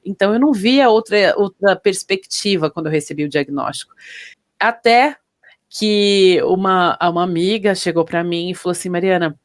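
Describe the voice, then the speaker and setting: A woman's voice: medium pitch, moderate pace. A middle-aged woman, a physician, telling her personal story as an interview guest in a reflective, emotional way. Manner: reflective, emotional, many tag questions.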